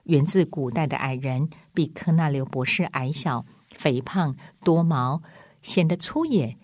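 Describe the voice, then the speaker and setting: A woman narrating a storybook aloud in an expressive, dramatic manner. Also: low voice, a little slow, dry recording, studio quality. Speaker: audiobook reader.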